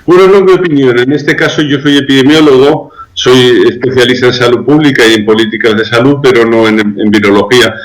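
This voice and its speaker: A man being interviewed as a public health expert, giving measured, reasoned answers with frequent restarts. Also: mid-range voice. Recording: roomy, dull lo-fi sound.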